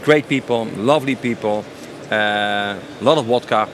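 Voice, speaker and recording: At a noisy, busy trade show, a company sales director in his 50s is interviewed at his stand. His voice is fairly low and his speed normal, and he answers spontaneously and with enthusiasm, emphasizing and repeating phrases against clear background noise.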